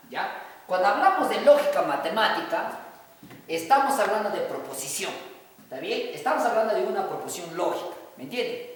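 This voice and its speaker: Guy teaching math, lively up-and-down voice, keeps asking if you get it, roomy hall sound from far off. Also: sits high. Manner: keeps checking understanding, repeats key points. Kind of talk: classroom lesson.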